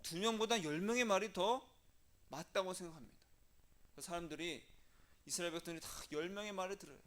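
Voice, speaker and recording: A male Korean pastor giving a lively sermon, acting out biblical figures with shifting voices and asking the congregation questions. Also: high voice, fast. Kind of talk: animated sermon with acted-out quotes.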